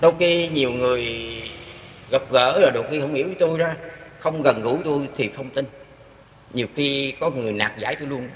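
A man's voice: medium pitch, fairly quick, fairly bright tone. An older man telling his own experience in an earnest, rambling way, often turning to address his listeners. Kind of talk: casual spoken storytelling. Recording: echoey room with long reverb and faint background noise.

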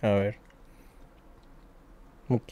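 A young man with a Mexican accent chatting casually and playfully as a livestreamer, speaking haltingly close to the mic. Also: warm tone. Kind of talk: casual chat. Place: small indoor room at a desk. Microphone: studio microphone close to the mouth.

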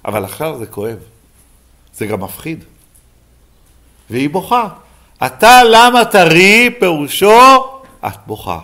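Lively rabbi quizzing his class. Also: fairly high pitch, pauses often. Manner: questions the class and answers himself. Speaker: rabbi teaching a Bible class. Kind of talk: Bible lesson to a live class.

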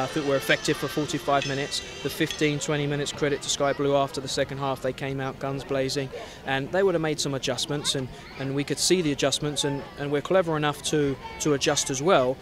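Fast-talking male coach, steady flat tone. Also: mid-range voice, music in the background. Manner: candid, reflective, many restarts. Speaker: head coach. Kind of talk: post-game interview. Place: outdoors at a floodlit field at night. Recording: stadium crowd behind.

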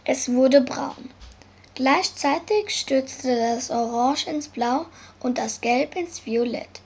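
Woman, storyteller, slow careful reading, husky, high-pitched. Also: darkish tone. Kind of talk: scripted narration.

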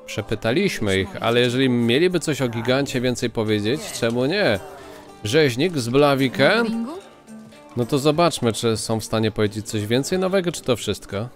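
A man gives casual gameplay commentary, chatting and thinking aloud. His voice sits at an average pitch, with soft game music underneath. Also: animated, brisk, few pauses. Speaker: gaming video host.

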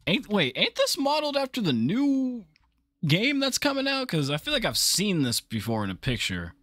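A man's voice: high-pitched, huge pitch swings, normal speed, a bit bright, no echo. A young man hosting a reaction video in a gaming room on a headset, talking casually and exclaiming and swearing at jump scares.

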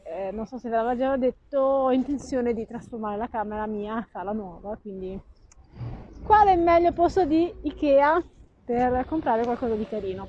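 A woman's voice: on the high side, mellow. A woman in her thirties chatting casually as a vlogger, speaking through a face mask. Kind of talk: casual vlog chat. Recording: dull phone sound, background noise.

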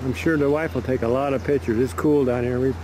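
A man's voice: medium pitch, steady tone, fast, background noise. A man talking casually and joking as he films a walk by a river, recorded on a handheld camera outdoors. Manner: folksy, chatty and joking. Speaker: vlogger filming a walk. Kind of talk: casual walking vlog narration.

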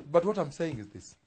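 A man preaching a sermon to a live congregation, with laughing asides and loud emphatic peaks. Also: fairly high pitch.

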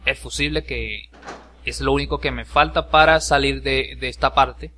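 A man talks through a game he is playing at home. He keeps an ordinary middle pitch and reacts out loud, swearing and yelping when something attacks him. Game music plays clearly underneath his voice. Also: steady tone, moderate pace. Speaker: gameplay commentator. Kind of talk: let's play commentary. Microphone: home voice recording over game capture.

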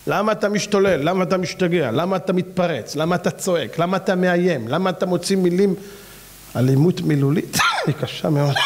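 A rabbi delivers a fiery sermon in a high, bright tenor. He hammers his listeners with rhetorical questions, his voice leaping up and dropping low as he presses each point. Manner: fires off rhetorical questions with big pitch swings.

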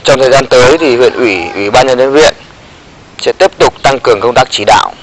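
A man, a local official, giving an unscripted interview statement in formal officialese, pausing and restarting as he speaks. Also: medium pitch, low-quality recording. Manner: officialese with pauses and hesitant restarts.

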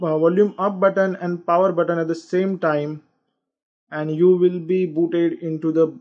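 A tech channel host with a fairly high, dark voice walks through a phone tutorial in a casual, explanatory way, using frequent fillers. The recording sounds dull and lo-fi.

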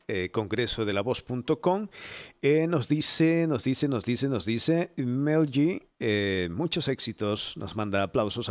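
Man, Ecuadorian accent, interview host, talkative, rambling, lots of fillers. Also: mid-range voice. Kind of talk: online interview chat.

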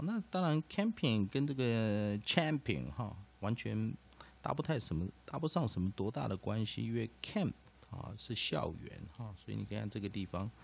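A man's voice: fairly low pitch, creaky, breathy edge. A man teaching English pronunciation, padding his sentences with filler particles and repeating each point. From Taiwan. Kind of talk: explanatory lesson.

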